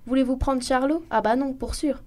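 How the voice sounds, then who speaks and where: A woman's voice: high voice, steady tone, moderate pace, mellow, close to an everyday voice. A woman voicing an indignant peasant mother who refuses bluntly in rustic speech, in a story reading.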